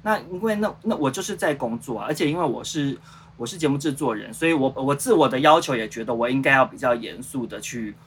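This man in his thirties, a show producer and host, has a husky, medium-pitched voice and a quick pace. Speaking Mandarin with a Taiwanese accent, he casually tells a livestream story, animatedly acting out dialogue and rambling with lots of fillers.

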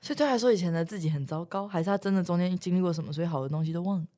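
A woman's voice: lowish voice, racing, warm tone. A woman, co-hosting a podcast in a casual chat, teasing and asking probing questions. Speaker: podcast co-host.

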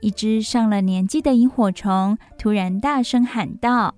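讲睡前故事的女电台主持人. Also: female voice, mid-range voice, unhurried, no echo, soft background music. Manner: warm, expressive storyteller with asides to listeners. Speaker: radio show host. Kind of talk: bedtime story reading for children. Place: radio studio.

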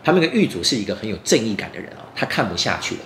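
A man works as a lively children's storyteller, talking quickly and swinging through his pitch. He keeps stopping to explain and check in with his young listeners. The room sounds echoey. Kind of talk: animated storytelling to children, asking them questions. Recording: roomy echo, faint background noise.

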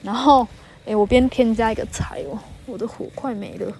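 At a campfire on a mountain campsite, a woman from northern Taiwan in her thirties hosts a solo podcast in Taiwanese-accented Mandarin, telling stories, quoting people, and laughing often. She speaks at a normal speed, and her voice is on the high side, creaky, and mellow.

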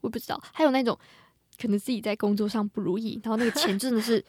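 A young adult woman with a Taiwanese Mandarin accent, chatting casually and telling things in an animated, colloquial way. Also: fairly high pitch, racing, slightly rough, dry recording, clean studio sound. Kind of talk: casual chat.

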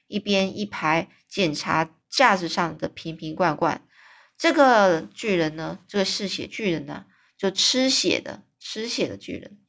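A woman reading a children's book aloud as a storyteller, pausing to explain hard words for young listeners. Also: medium pitch, creaky, a bit bright.

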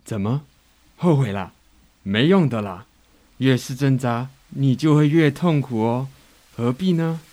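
A man's voice: medium pitch, unhurried, dark tone, natural voice. A man voicing a hungry, wily male wolf in a children's story, with a smug, menacing way of talking. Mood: mocking.

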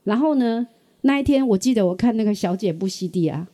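A woman's voice: mid-range voice, brisk, no echo. A middle-aged woman from Kaohsiung with a Taiwanese Mandarin accent, hosting a casual podcast chat and telling stories with acted-out quoted voices. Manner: animated storyteller who acts out quoted voices. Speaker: podcast host.

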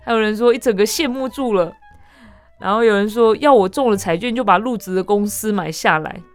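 A woman podcast host, chatting casually and reading out online comments in a lively way, with frequent exclamations and laughter. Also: medium pitch, fairly quick, faint music behind. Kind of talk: casual chat reading netizen stories.

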